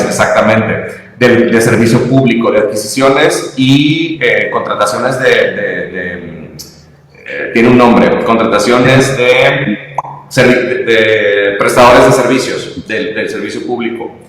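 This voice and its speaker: A man's voice: medium pitch, slow, a bit bright. A man with a Mexican accent, a podcast guest explaining with emphatic, filler-heavy talk. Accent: Mexican Spanish. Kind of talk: conversational interview. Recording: echoey room with long reverb.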